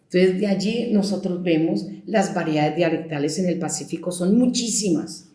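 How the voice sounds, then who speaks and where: A woman's voice: lowish voice, moderate pace, dark tone. A Colombian woman storyteller talking reflectively and emphatically, stretching out key words. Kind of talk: reflective spoken talk. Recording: echoey room.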